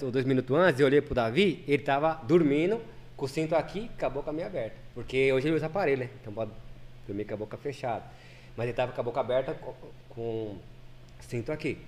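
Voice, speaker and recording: With a medium-pitched voice, a man who works as a lay preacher tells a personal story while guesting on a podcast. He speaks casually and earnestly, often repeating words and starting over.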